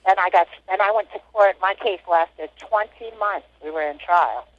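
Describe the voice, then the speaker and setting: A woman's voice: medium pitch, normal speed, dry recording. A woman in her sixties, an inmate, recalling her past in plain, matter-of-fact talk over a muffled prison phone line. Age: 60s. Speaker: inmate interviewee. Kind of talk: casual recollection. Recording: dull lo-fi phone call.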